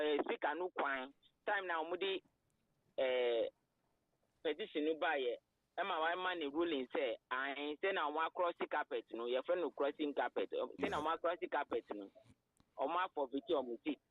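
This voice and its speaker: Over a narrow, tinny phone line, a man with a Ghanaian accent explains things as a legal guest. His voice is fairly high, and he speaks haltingly, switching into English terms. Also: dry recording. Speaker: lawyer, interview guest. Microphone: telephone.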